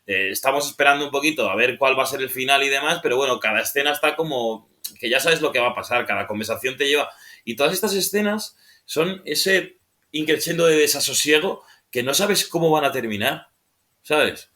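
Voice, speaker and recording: Bright-voiced man rambling about films. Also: medium pitch, a little fast. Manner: unscripted, rambling, searching for words; ends phrases with a questioning tag. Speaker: film podcast panelist. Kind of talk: casual film discussion.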